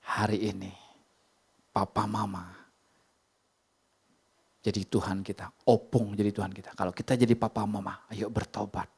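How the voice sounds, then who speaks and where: A man preaching a sermon in a church, emphatic and conversational, sometimes rising sharply in pitch for emphasis. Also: flat delivery, normal speed, long pauses, breathy edge. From Indonesia. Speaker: pastor. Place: church hall.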